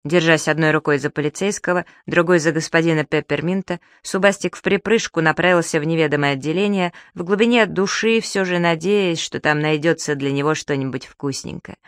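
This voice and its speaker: A woman's voice: sits low, fairly quick, few pauses, no echo, studio quality. Woman reading a children's audiobook. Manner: even, storytelling delivery. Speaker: audiobook reader. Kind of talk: audiobook narration.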